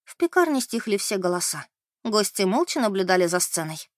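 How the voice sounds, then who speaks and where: A woman narrating an audiobook in an expressive, animated way. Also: mid-range voice, a little fast, dry recording, studio quality.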